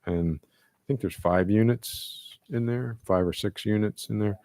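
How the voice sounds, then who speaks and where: A man's voice: fairly low pitch, a little slow, darkish tone, dry recording. A man explaining details at a public review board meeting, hesitant and full of fillers. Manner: hesitant, many fillers and restarts. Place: municipal meeting room.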